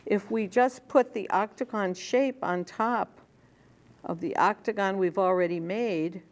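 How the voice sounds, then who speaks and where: A woman's voice: medium pitch, unhurried. Older woman demonstrating quilting steps. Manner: friendly step-by-step explaining, talking while working. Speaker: quilting show host. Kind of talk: hands-on sewing demonstration.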